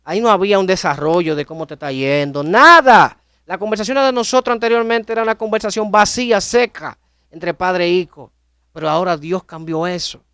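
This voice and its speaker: A man's voice: high voice, a little fast, sharp tone, clear, resonant tone, no room sound, clean studio sound. A young man giving a personal faith testimony, telling his story emotionally with many repetitions and restarts. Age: young adult. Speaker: testimony speaker.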